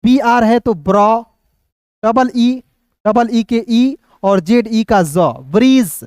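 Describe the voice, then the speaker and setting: A male teacher giving a pronunciation lesson, spelling out words slowly and checking often that students follow. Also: extremely high pitch, a little mellow, dry recording, studio quality. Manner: repeats words slowly, often says "dosto" and "clear hai". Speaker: English teacher.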